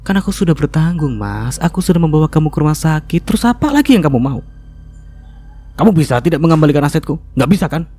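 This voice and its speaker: A man's voice: fairly high pitch, expressive, fast, mellow, voice pushed up. A man voicing a vengeful, scheming young wife who speaks in a mocking, sarcastic way. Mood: menacing. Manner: taunting, sarcastic.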